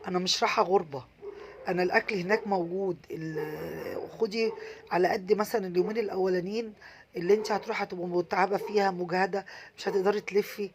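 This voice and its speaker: A woman with an Egyptian Arabic accent giving casual, earnest travel advice, animated and repeating herself for emphasis. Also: medium pitch, quick pace.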